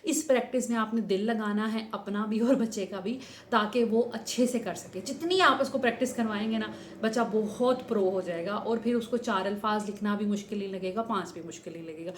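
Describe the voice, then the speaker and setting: A woman's voice: medium pitch, a little fast, roomy sound, slight background noise. A woman teaching parents how to teach Urdu reading and writing at home. She spells words out letter by letter, patiently, and keeps checking in with "theek hai" while mixing in English words. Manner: mixes many English words into her Urdu.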